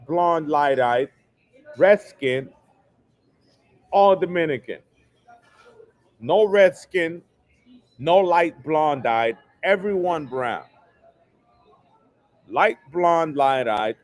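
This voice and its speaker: Broadcasting alone from his New York home, a male livestream host rants emphatically, circling back to the same phrases repeatedly. His voice is on the high side, with no room sound in the recording.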